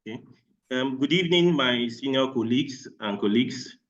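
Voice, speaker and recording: A man's voice: mid-range voice, animated, normal speed, a bit bright. Nigerian man moderating with many ums. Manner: hesitant, many "um" fillers. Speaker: webinar moderator. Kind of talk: online medical webinar moderation. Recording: dull lo-fi webinar audio.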